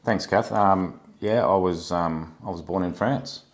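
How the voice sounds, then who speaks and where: A man's voice: sits low, measured pace. An Australian man in his forties, a podcast guest talking casually and reflectively, with frequent ums and uhs as he gathers his thoughts. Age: 40s. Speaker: podcast guest, former police officer. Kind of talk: casual interview conversation.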